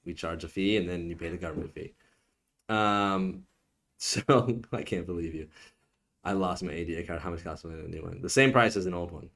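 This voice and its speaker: Joking, low-voiced man answering live questions. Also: moderate pace, creaky, a bit bright. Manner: casual, joking, teasing viewers, frequent "okay?". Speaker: immigration attorney. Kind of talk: live-stream Q&A, reading viewer questions.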